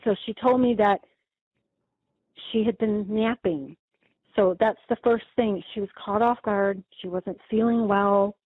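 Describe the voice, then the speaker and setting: A middle-aged woman, a guest, retelling a scam call in a lively way, quoting each exchange and often restarting her sentences. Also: medium pitch, unhurried, husky, no room sound. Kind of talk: conversational storytelling. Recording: tinny phone-like line, dry.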